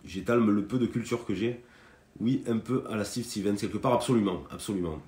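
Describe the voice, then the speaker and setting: A man's voice: on the low side, brisk, noisy background. A man giving a casual live guitar lesson, talking in a hesitant way full of fillers and restarts, and greeting viewers by name. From France. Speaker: guitar teacher on a live stream. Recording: roomy sound with guitar playing.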